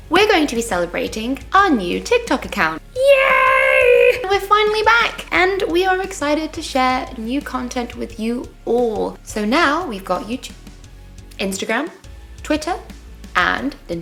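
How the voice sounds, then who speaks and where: A woman's voice: sits high, creaky, fairly bright tone. A young woman, a singer and vlogger, chatting playfully in a casual Q&A vlog. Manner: bubbly and playful, makes silly sound effects.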